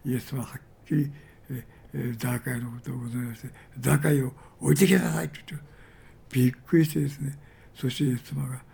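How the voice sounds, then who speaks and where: A man's voice: mid-range voice, fairly even intonation, fast talker, gravelly, mellow, husky. A man preaching a sermon, retelling Bible stories with many fillers and emphatic repetitions. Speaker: pastor.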